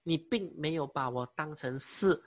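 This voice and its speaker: A young man preaching and giving a personal testimony, halting with many fillers, speaking with emotion. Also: a little high. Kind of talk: sermon testimony.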